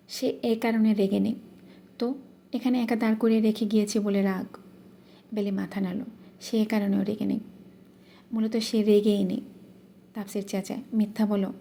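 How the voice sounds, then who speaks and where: A woman narrating a romantic story as an audiobook, in a soft, even storytelling delivery. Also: medium pitch, normal speed, vocal fry, pauses often, a little hiss or hum.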